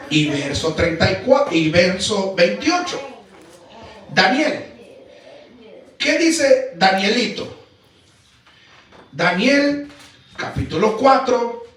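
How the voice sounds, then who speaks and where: A man preaching a sermon as pastor, emphatic, firing rhetorical questions and breaking into shouts. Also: high-pitched. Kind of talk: Pentecostal-style sermon. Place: church sanctuary. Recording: very echoey church hall, mic far off.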